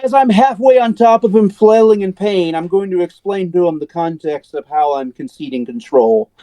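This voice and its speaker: A man's voice: high voice, normal speed, warm tone, dry recording. A man playing a tabletop wrestling game, eagerly planning his character's moves aloud. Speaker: player.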